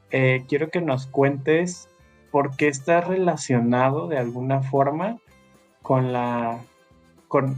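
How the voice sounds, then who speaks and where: A podcast host talks in a plain, mid-range voice. The host asks questions in a casual, hesitant way, circling around each point before finishing it. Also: mid-range voice. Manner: hesitant, winding questions full of pauses.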